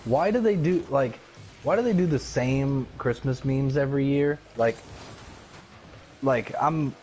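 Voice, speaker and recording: A man's voice: mid-range voice, measured pace, a little mellow, slight background noise. A man chatting casually while playing a video game, rambling and filling his talk with "like". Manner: rambling, heavy use of "like" fillers. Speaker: gaming video co-host.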